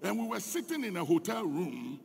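A Ghanaian man preaching a fervent sermon as pastor, his delivery swelling into shouts, in an echoey church hall. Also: high voice, very animated, moderate pace, gravelly, husky.

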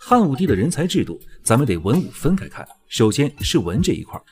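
A man's voice: mid-range voice, darkish tone. A man narrating a drama recap as joking, colloquial, scripted storytelling commentary. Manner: wry, colloquial, playful.

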